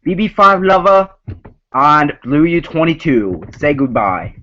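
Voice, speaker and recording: Slow man with a fake Australian accent. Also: a little high, expressive, pushed and bright. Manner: rambling, addressing players directly. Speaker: host of an online reality game. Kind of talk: live online show hosting. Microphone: voice call. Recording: dull lo-fi call audio.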